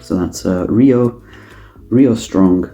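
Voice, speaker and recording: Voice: low voice, slow pace, warm tone, faint music behind. A casual tasting review, the speaker thinking aloud with many ums and restarts while trying a drink. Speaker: drinks taster reviewing canned cocktails.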